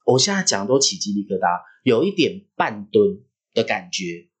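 A man, hosting a podcast and telling a story in a vivid, animated way. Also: on the low side, moderate pace, husky. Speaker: podcast host.

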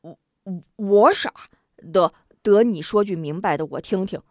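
A woman's voice: mid-range voice, a little slow, darkish tone, no echo, studio quality, close to an everyday voice. A woman doing an exasperated older bandit. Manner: weary, exasperated scolding.

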